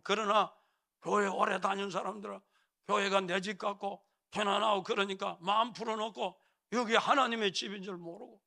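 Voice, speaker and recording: Gravelly, bright-voiced preacher. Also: male voice, high voice. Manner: emphatic, prodding the congregation with frequent "eh?" tags. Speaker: pastor. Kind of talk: sermon. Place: church sanctuary.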